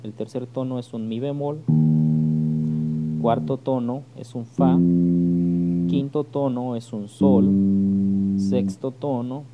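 Brief: Mexican man, bass teacher, unhurried, mid-pitched, patient tutorial delivery, loud bass playing underneath. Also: lively intonation, muffled recording, loud music behind the voice. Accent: Mexican Spanish. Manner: patient, repeats "¿ok?" to check understanding. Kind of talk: step-by-step music tutorial.

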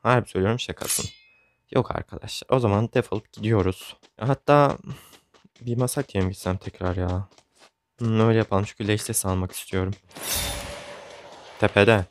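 A man's voice: on the low side, steady tone, a little fast, pauses often, slight background noise. A young man chatting casually as he comments on his own gameplay, joking and grumbling along the way. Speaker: gaming YouTuber.

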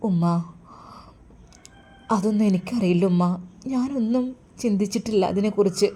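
A woman voicing a shy, troubled young daughter who speaks hesitantly and softly. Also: medium pitch, normal speed, husky, natural voice. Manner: hesitant, soft-spoken.

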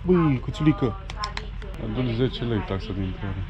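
A man's voice: mid-range voice, lively intonation, lo-fi sound, crowd noise. A man in his thirties making a casual travel vlog outdoors, chatting and reading grave verses aloud, recorded on an action camera. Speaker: motovlogger. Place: outdoors in a village cemetery. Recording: outdoor camera audio with background noise.

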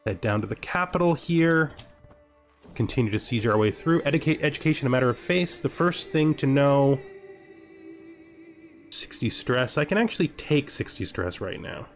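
With soft music in the background, a medium-pitched male let's-play host gives expressive, casual strategy game commentary at a normal speed. He voices his thoughts and his questions to himself while reading the event text.

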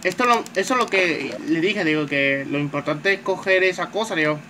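A man talks his way through a game in a loose, chatty commentary, tossing in a filler word at every turn. His voice sits somewhat high for a man. A steady hiss of noise hangs behind a phone-mic recording. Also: a little fast. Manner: chatty, says "tío" constantly, swears at enemies. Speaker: gamer. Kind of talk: casual gameplay commentary.

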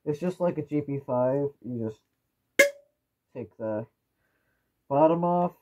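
A man's voice: medium pitch, slow, very noisy. A young man giving a casual, rambling, explanatory product review, his voice muffled through a gas mask. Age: young adult. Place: small living room at home, indoors.

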